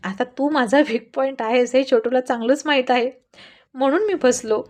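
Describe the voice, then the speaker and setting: A woman's voice: high-pitched, normal speed, darkish tone, lightly acted. Woman voicing a teasing, confident father. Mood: playful. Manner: playful, teasing.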